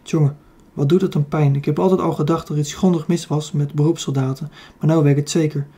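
A man's voice: fairly high pitch, fairly even intonation, quick pace, warm tone, breathy edge. A man voicing a fussy injured young secretary who complains with indignant whining, in an audiobook.

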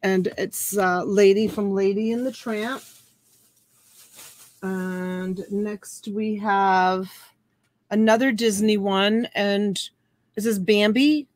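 Slow and pausing often, her mid-range voice stays fairly even and a little mellow, with no echo. She's a woman in her forties auctioning on a home live-stream via webcam, in a room of plush toys and a dress form, chatting folksily and drawing out the bid calls.

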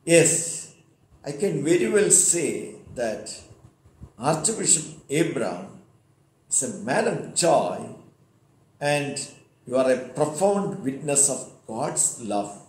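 A middle-aged man with a South Indian accent giving a formal congratulatory address as a bishop, in deliberate short phrases. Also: mid-range voice, big pitch swings, a little mellow. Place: indoor room with curtains and cabinet. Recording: echoey room.

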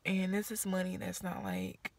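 Woman, young, low voice, casual rambling vlog chat, fading half-whisper. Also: very animated, moderate pace, gravelly, no echo. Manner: chatty, rambling, often dropping to a half-whisper. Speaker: vlogger. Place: inside a house.

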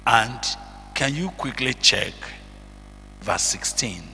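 A man's voice: mid-range voice, expressive, takes it slowly, vocal fry, bright, forceful tone. A man preaching a sermon, reading scripture in old-fashioned wording and calling out questions to his listeners. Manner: reads scripture aloud in King James wording, calls out questions to the congregation. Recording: long reverb, faint noise and hum.

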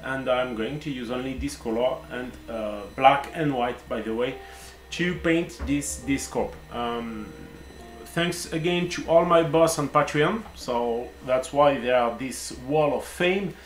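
Relaxed French-accented man, roomy sound. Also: mid-range voice, takes it slowly, slight background noise. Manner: relaxed and chatty, with frequent hesitant fillers. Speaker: miniature painter hosting a live stream. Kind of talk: casual live-stream painting commentary.

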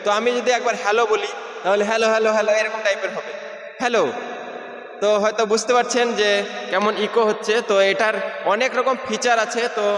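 A man's voice: high voice, a bit bright. Man with a heavy echo effect. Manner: chatty, with many short pauses. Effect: strong echo from the mic's echo mode. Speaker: vlogger. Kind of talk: casual product review. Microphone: wireless clip-on mic.

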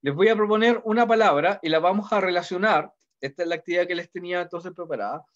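A middle-aged Chilean man teaches a literature class in an easy conversational manner. His voice sits somewhat high, and he keeps pausing to ask the students whether they follow. The recording sounds dull and lo-fi. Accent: Chilean Spanish. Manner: conversational, repeats ¿ya? to check in with students. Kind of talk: classroom lecture.

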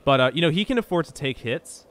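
Fast and lively in intonation, this young man's fairly high, fairly bright voice carries casual chatter as he streams his gameplay. He tends to ramble, trip over his words, and curse whenever something irritates him.

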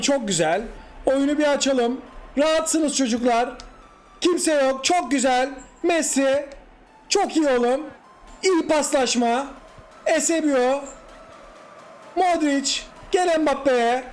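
A man with a Turkish accent giving excited, animated commentary while playing a football video game, repeating short cries at the screen. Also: very high voice, slow pace, faint music behind. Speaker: gaming YouTuber. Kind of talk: excited live gameplay commentary.

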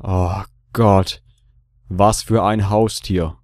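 A man's voice: deep voice, steady tone, drawn-out words, darkish tone, no echo, studio quality. A man hosting a gaming video in casual commentary, joking and repeating his own lines aloud. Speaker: let's play host.

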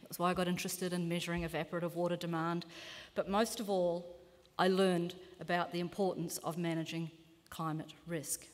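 A woman in her fifties with a New Zealand accent, giving a measured, earnest keynote lecture as a climate scientist in a large lecture hall. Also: lowish voice, flat delivery. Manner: measured, earnest, occasional self-corrections. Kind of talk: formal conference lecture. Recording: long hall reverb.

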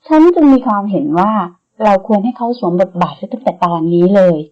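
A woman voicing a bossy, blunt young woman who leads her friends, speaking briskly in an audiobook. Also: medium pitch, expressive, mellow, muffled recording, close to an everyday voice. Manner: brisk and commanding. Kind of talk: audiobook character reading.

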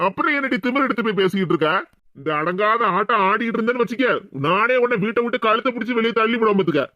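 A man voicing a bossy older husband in a cartoon, gruff and commanding, with a southern Tamil Nadu accent. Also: high voice, quick pace, no echo, close to an everyday voice. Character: bossy older husband and father-in-law turned stern. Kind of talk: cartoon voice acting. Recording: dull, dry lo-fi sound.

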